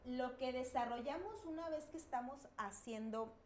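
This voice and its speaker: A middle-aged woman, talking reflectively as a guest expert, with pauses and fillers. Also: sits high, darkish tone, slight background noise. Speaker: guest expert on emotions and fear. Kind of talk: conversational explaining.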